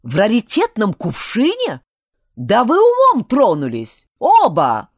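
A woman's voice: on the high side, wildly swooping pitch, slow, no echo, clean studio sound, exaggerated voice. A woman voicing a theatrical young genie-wizard. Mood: indignant. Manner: theatrical, indignant and flowery. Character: grumpy sardonic young male spirit-wizard.

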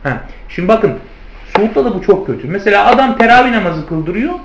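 Lively, high-pitched male lecturer. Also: a little fast, noisy background. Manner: rhetorical questions answered himself; addresses listeners as friends. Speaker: theology teacher. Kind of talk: lecture on hadith commentary. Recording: roomy, slightly dull lecture recording.

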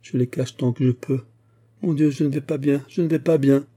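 A man reading the lines of a frail, grieving young woman who pleads and despairs, in a husky, dark voice. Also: on the low side, normal speed. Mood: pleading. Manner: pleading, broken, desperate.

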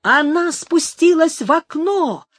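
A woman's voice: fairly high pitch, expressive, slow pace, no echo, clean studio sound. A woman doing Frazko, a furious threatening thug. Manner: shouting, menacing. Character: furious threatening male thug, grown man.

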